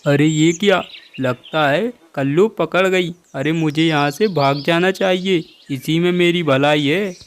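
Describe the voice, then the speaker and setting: A man's voice: fairly high pitch, unhurried, slight background noise, natural voice. A man voicing a sly, scheming male crow in a cartoon, calling out urgently. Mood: panicked.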